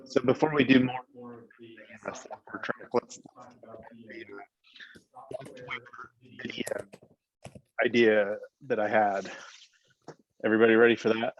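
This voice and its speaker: A man's voice: medium pitch, steady tone, measured pace, long pauses. A man on a work video call, speaking hesitantly with fillers. His audio comes through muffled and underwater-sounding from wireless earbuds. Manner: hesitant, thinking out loud with fillers. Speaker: team member pitching an idea.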